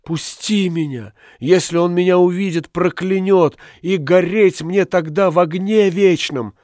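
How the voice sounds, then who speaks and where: A man reading aloud voices a devoted young wife in a storybook, soft and pleading. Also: sits high, unhurried, dry recording, studio quality, pitched above the performer's own voice. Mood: pleading tender.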